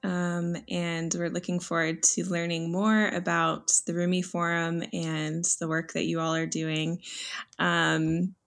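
A woman's voice: fairly low pitch, little pitch movement, takes it slowly, creaky, a bit bright. A woman hosting a podcast interview, friendly, with fillers. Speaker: podcast host.

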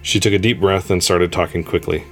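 Deep-voiced man reading a story. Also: fairly even intonation, fairly quick. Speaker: story reader. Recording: faint music underneath.

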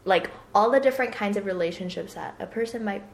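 A woman's voice: medium pitch, quick pace. A young woman in her twenties chats casually as a podcast co-host, talking loosely with plenty of fillers. Her voice carries some room echo. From Hong Kong. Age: 20s. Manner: chatty, with frequent fillers. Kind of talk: casual chat. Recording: roomy echo.

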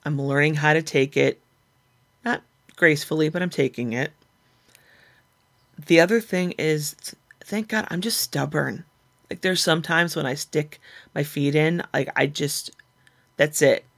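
An animated woman talks frankly as a podcast guest, voicing her own inner arguments in lively little quoted asides. The chat is casual and self-mocking. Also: deep voice, a little slow, long pauses.

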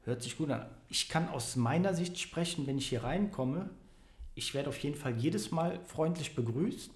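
A man's voice: a little high, animated, normal speed, reverberant. A man conducting a casual interview, giving short affirming replies and asking friendly questions.

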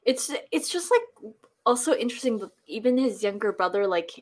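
A woman's voice: on the high side, animated, brisk. A young woman guest on a podcast, chatting casually and agreeably with many fillers.

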